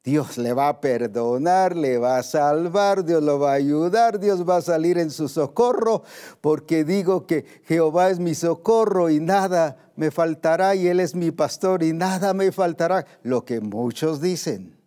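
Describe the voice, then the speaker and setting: A man preaching a sermon, emphatic, moving between raised and hushed delivery and slowing down to stress scripture. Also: fairly high pitch, clear, resonant tone.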